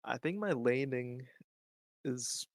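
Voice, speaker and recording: A man's voice: mid-range voice, lively intonation, slow, dry recording. A man being coached over a call at night, answering hesitantly with many ums. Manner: hesitant, starts with "um". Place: home at night.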